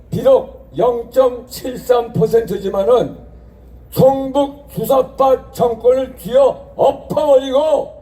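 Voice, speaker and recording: A male rally orator declaims in a very high, shrill voice, like a propaganda broadcast. He speaks slowly and emphatically, building to shouted slogans and rhetorical questions. He is heard from a distance over an echoing outdoor PA with faint music behind. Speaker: rally speaker, association chairman. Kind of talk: political rally speech.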